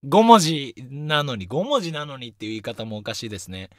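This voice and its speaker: A young man hosting a casual solo radio talk show, telling stories in an animated way and poking fun at himself. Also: mid-range voice, a little fast, no echo, clean studio sound. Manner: lively, animated storytelling with self-deprecating asides. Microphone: studio microphone.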